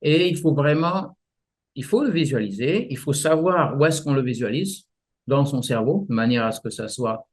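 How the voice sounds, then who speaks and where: A man explaining martial arts practice in a relaxed interview, often restarting his sentences and using images. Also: medium pitch, normal speed. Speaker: martial arts teacher, guest.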